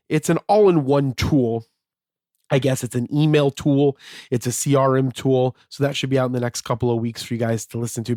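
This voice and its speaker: A man hosts his own solo podcast, talking casually in a voice made slightly raspy by a fever, rambling with lots of fillers and restarts. His voice is mid-range and a little mellow, recorded in studio quality with no echo.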